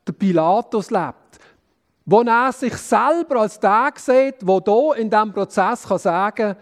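A preacher with a fairly high male voice reads a Bible story and then explains it. He thinks aloud, restarting and repeating words as he goes. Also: a little mellow. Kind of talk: Bible reading and sermon.

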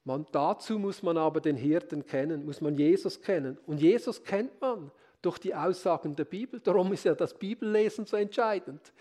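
A man with a notably high voice delivers a sermon in a calm, earnest way. He speaks as a preacher and keeps drawing his listeners in with brief rhetorical questions. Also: normal speed.

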